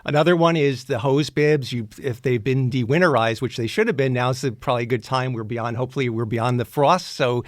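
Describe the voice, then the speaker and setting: A man's voice: mid-range voice, fairly quick, hardly any pauses, no echo. A man co-hosting a radio show, giving practical home maintenance advice in a casual way, often restarting his sentences. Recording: dry studio sound.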